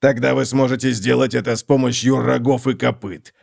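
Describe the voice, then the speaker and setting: Man doing a gruff dwarf slayer. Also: mid-range voice, level tone, brisk, darkish tone. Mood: menacing. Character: gruff stubborn male dwarf slayer, rumbling and blunt.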